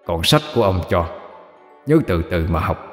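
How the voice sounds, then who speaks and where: Brief: man playing old male ancestor ghost, soft, low, gently scolding, faint music behind. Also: big pitch swings, normal speed, reverberant, in a large hall. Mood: gentle, fond. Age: older.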